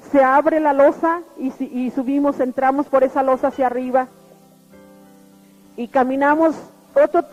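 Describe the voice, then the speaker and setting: A woman with a high voice gives a spoken personal testimony as a witness, earnest and halting, with frequent restarts and repeated words. The recording is muffled, with faint background music.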